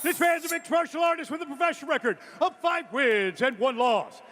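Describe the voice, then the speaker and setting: A man announcing fighters in a loud, drawn-out ring announcer's delivery in a fight arena. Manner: booming, drawn-out shouted announcing. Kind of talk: fight introductions. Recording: arena with crowd and noise.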